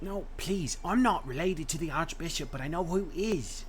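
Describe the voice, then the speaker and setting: A man's voice: fairly high pitch, moderate pace, slight background noise, voice pushed up, natural voice. A man voicing a captive female rogue, pleading and defiant, in a tabletop game.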